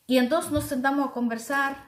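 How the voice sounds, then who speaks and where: Earnest and heartfelt, a middle-aged missionary preacher gives her personal testimony to the congregation, calling them brothers and sisters. She speaks briskly in a high voice with fairly even intonation, and the sound is roomy.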